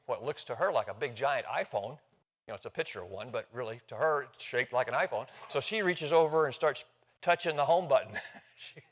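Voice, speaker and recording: Older male preacher in his sixties, average pitch, folksy and chatty, ribbing the congregation while he teaches. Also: a bit bright. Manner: chatty, self-interrupting, jokes with the congregation. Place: church sanctuary.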